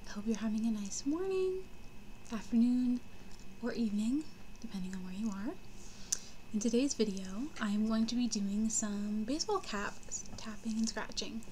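Soft-spoken ASMR woman, slightly high, noisy recording. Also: lively intonation, normal speed. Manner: hushed, gentle soft-spoken delivery, partly whispered. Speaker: ASMR video host. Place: small living room, indoors. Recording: noticeable background noise, lo-fi.

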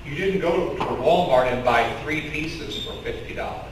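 In a church sanctuary, before a curtain, a middle-aged pastor with a Kentucky accent preaches as a conversational storyteller, gesturing with open hands. His voice is a little high and moderately paced. The recording, filmed from the congregation with a stand mic and headset mic, is echoey and distant with a noisy background.

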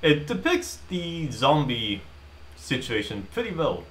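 A man with a fairly high voice chatting as a gaming streamer. He rambles through a film retelling and keeps it loose and animated. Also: takes it slowly. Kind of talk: casual commentary while playing.

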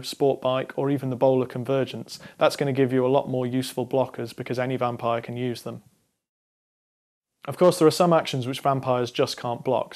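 Young guy reading a scripted card game explainer to camera, steady and measured, mid pitch. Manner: measured, instructive delivery to camera. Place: studio against a dark backdrop.

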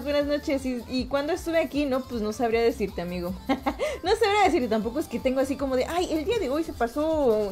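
A woman's voice: high-pitched, a little mellow. A young woman with a Mexican Spanish accent, chatting casually on a live stream and greeting her viewers by name.

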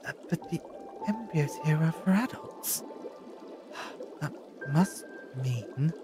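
A man acting an eccentric, excitable time-travelling adventurer in an audio drama, theatrical and muttering to himself in stops and starts. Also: fairly high pitch, slow, over music. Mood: flustered. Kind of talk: full-cast audio drama.

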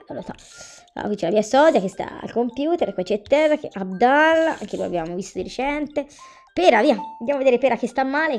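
A woman's voice: mid-range voice, darkish tone. A woman giving casual commentary on a life-sim game, chatting to viewers and to the game's characters. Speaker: gameplay commentator. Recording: faint background music.

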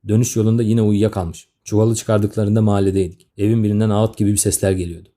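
Brief: 30s male comic narrator, sardonic grumbler, dark low voice, fast. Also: level tone. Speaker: storyteller.

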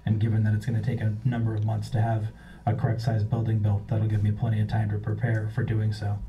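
Man, applicant, very monotone, low voice, hesitant, dull distant recording. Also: fast. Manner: hesitant, with repeated restarts. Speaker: applicant before the board. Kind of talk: public meeting testimony. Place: town meeting room. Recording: distant, dull, faintly noisy mic.

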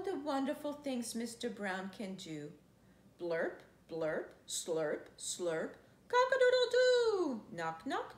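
With a high voice, a woman in her thirties gives an animated read-aloud of a children's picture book, drawing out words and playfully imitating noises. She's indoors on a living room couch, recorded by a camera a few feet away, and the sound is roomy and echoey with faint noise.

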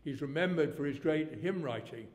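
A man's voice: on the high side, lively intonation, moderate pace. A man in his eighties preaching a sermon in a rambling, folksy way, his volume rising suddenly to make a point. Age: 80s. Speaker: pastor. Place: church hall. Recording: long church reverb.

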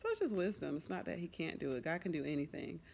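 Young mom vlogging at home, chatty and upbeat, lower voice with lots of vocal fry, faint hum behind. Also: female voice, expressive, quick pace, darkish tone. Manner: upbeat, chatty, rambling with fillers. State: out of breath. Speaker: family vlogger. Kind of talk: casual vlog chat. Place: at home indoors.

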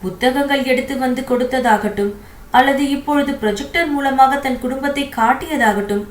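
A woman narrating an audio novel in a steady, even storytelling voice. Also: high voice, fairly quick. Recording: echoey room with faint hiss.

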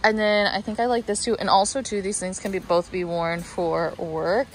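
In a casual vlog shot with a handheld camera mic in a hotel room, a cafe and a thrift store, a young woman in her twenties talks upbeat to the camera with plenty of likes and ums. The audio is poor, and her mid-range voice keeps a steady tone at normal speed.

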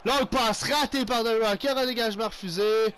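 A young man with a Québécois accent giving excitable play-by-play commentary on his own hockey video game, mixing in English exclamations. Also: very high-pitched, a little fast. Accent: Québécois French. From Quebec. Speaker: gaming YouTuber.

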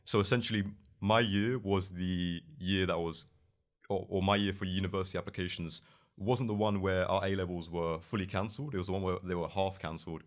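A man's voice: sits low, fairly even intonation, fairly quick. A young man from London with a London accent, a guest in a podcast interview, talking loosely with many restarts and fillers. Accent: London English. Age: young adult. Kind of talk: casual interview. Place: podcast studio with couch. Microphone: boom mic on arm.

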